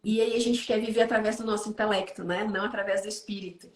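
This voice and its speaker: Fast-talking woman teaching with lively tags. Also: mid-range voice. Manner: animated storytelling, frequent "né?" tags. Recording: roomy echo.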